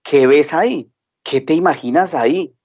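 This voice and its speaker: A man voicing a gentle, patient father who softly coaxes his young daughter. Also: a little high, moderate pace, slightly rough, no room sound, dull audio. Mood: gentle, coaxing. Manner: soft, coaxing.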